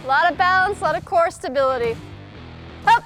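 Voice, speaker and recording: A woman's voice: extremely high pitch, animated, brisk, loud music behind the voice, low-quality recording. A woman swim coach giving brief, direct technical cues during a demonstration at an outdoor pool. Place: outdoor swimming pool deck.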